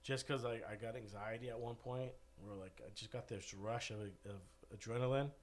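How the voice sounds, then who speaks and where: This podcast guest is a man still getting over covid and short of breath, spinning a long, rambling story peppered with "dude." He speaks at medium pitch and normal speed in a steady tone, with slight background noise.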